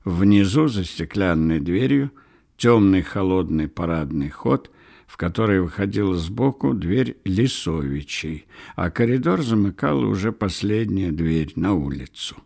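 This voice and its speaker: A man reading a novel aloud as an audiobook narrator, measured and expressive. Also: low-pitched, gravelly. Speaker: audiobook reader. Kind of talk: scripted literary narration.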